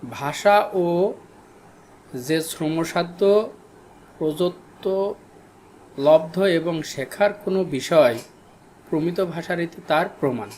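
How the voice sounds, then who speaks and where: Male schoolteacher from Bangladesh, slightly higher voice, drills terms slowly, faint noise behind. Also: a little mellow. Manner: slow, repeats key terms for students. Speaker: teacher. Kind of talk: recorded classroom lesson.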